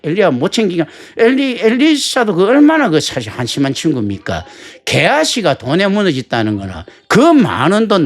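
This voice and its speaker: A male pastor preaching a sermon in a colloquial, joking way, full of rhetorical questions. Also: fairly high pitch.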